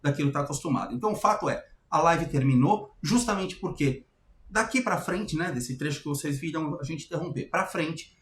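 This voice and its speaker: A man's voice: fairly high pitch, expressive, brisk. A man with a Brazilian Portuguese accent, hosting and commenting casually on a recorded live class in a wry, conversational way. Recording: echoey room with faint ambience.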